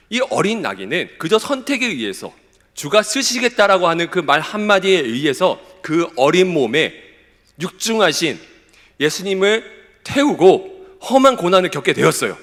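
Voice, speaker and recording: A male pastor preaches with a lively, rising and falling delivery and a fairly high voice. He throws questions at the congregation and sounds a little hoarse. His voice rings out with the long reverb of a church hall. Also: moderate pace. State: hoarse, recovering from illness. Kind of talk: sermon. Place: church sanctuary.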